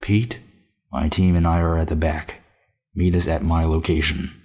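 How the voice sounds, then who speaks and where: A man voicing a calm, gentle male agent who leads the team, in a very deep and slow, measured voice.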